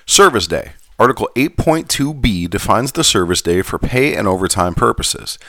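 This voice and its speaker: Man putting on a low-voiced Southern gentleman reader. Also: animated, dry recording, clean studio sound. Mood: measured, formal. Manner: Southern gentleman manner, measured and formal. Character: genteel Southern gentleman reading a union contract aloud. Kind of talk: scripted reading.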